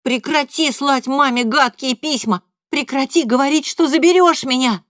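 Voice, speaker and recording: A woman voicing a young boy who shouts at his father through tears, read as an audiobook. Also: high-pitched, normal speed, no room sound, studio quality, voice pushed up. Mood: desperate. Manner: shouting, crying.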